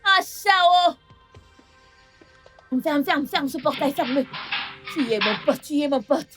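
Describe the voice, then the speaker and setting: High-voiced brash mocking dubbed young woman. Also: lively intonation, takes it slowly, music in the background. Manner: mocking, loud and taunting. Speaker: voice actor in a French dub. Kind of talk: dubbed film acting.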